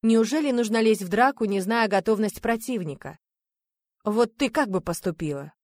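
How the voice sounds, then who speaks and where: A woman voicing a confident, bossy young male mage commander in a storybook reading, teasing and gruff. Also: on the high side, expressive, moderate pace, darkish tone, dry recording, studio quality. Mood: reasoning.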